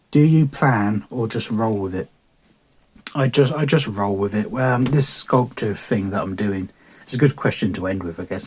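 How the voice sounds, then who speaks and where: A man's voice: fairly low pitch, a little mellow, slightly rough. A man, an artist answering viewer questions in a casual, rambling way, swearing freely and laughing at himself.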